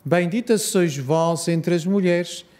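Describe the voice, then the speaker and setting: Leading the rosary in a European Portuguese accent, this man prays solemnly with measured reverence. His voice sits high with a darkish tone.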